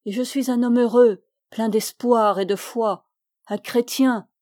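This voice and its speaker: A woman's voice: on the high side, fairly even intonation, a little slow, dark tone, no echo, studio quality, lightly acted. A woman voicing a devout, stern old retired captain in a novel reading. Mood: indignant.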